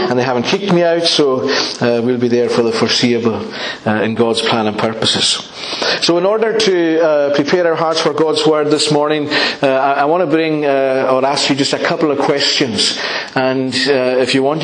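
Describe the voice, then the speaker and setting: A man with a Hebridean Scottish accent gives a conversational sermon in a middle-pitched voice. He is gently hesitant, often doubling back on a word. The room around him is noticeably echoey. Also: slight background noise. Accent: Scottish Hebridean, Lewis. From Isle of Lewis, Scotland. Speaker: visiting preacher, church minister. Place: indoors, speaking in a church. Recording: echoey room, church talk recording.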